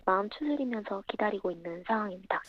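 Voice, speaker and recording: A young woman speaking as an interview guest over a remote line, her voice disguised by a pitch-changing filter, answering in a quiet, measured way. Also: expressive, dry recording. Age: young adult. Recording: dull, muffled remote line.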